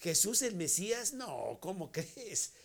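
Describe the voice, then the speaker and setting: A male preacher with a Mexican accent delivers a sermon in a somewhat high voice. He swings between loud, pressing phrases and hushed, whispered endings. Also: big pitch swings, takes it slowly, gravelly.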